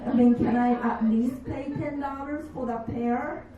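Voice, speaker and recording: Woman in her fifties, non-native English speaker, stand-up set, slow deadpan delivery, mellow voice, echoey bar room heard from a distant mic. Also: high voice, dull audio. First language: not English. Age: 50s. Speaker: stand-up comic. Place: comedy bar stage.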